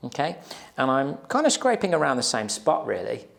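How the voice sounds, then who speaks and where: In a small, plain room, a guitar teacher in his thirties talks to camera through an informal, explanatory lesson, often checking in with the viewer over his lapel mic. His mid-range voice is very animated and creaky, delivered at a moderate pace.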